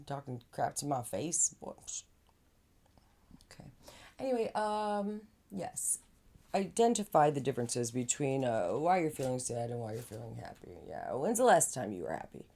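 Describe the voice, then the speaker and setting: Her voice rumbles low with a darkish tone as this woman vlogs casual self-help advice. She rambles, throws in slang like "dude" and "man," and keeps chatting with asides, fillers, and frequent laughs.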